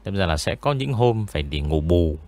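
A man's voice: sits low, moderate pace, no room sound. A man who narrates ghost stories, chatting casually in an interview with many fillers. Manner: relaxed, rambling, many fillers.

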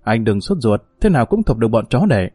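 A man voicing a brash young male hoodlum who talks in a rough, bossy swagger. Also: medium pitch, sing-song, a little fast, mellow, dry recording, studio quality.

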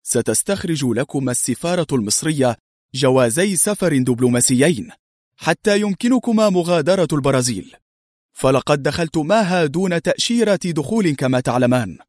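A man voicing a cool-headed male secret agent who speaks calmly and tersely. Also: a little high, brisk, no echo, studio quality. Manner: calm and terse.

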